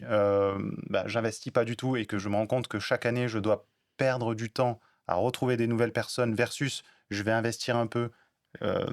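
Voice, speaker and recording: A man's voice: mid-range voice, no echo, studio quality. A man on a panel at a business talk, explaining his points steadily through everyday examples.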